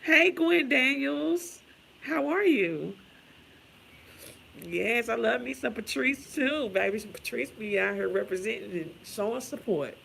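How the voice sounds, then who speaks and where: Creaky-voiced chatty livestream host. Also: medium pitch, expressive, measured pace, pushed and bright, slight background noise. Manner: chatty, laughs often, calls viewers girl and baby; gossipy, drifts onto tangents. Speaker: livestream host reading chat. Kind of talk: casual livestream chat.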